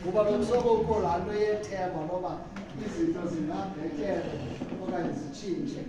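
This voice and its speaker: A woman's voice: lowish voice, steady tone, a little fast. A woman with a Xhosa South African accent gives an informal teaching talk in an explanatory manner, checking in with her listeners and mixing in English. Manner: explanatory, punctuated by check-in questions. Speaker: speaker leading a talk. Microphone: distant from the speaker. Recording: very echoey room, distant mic, noisy.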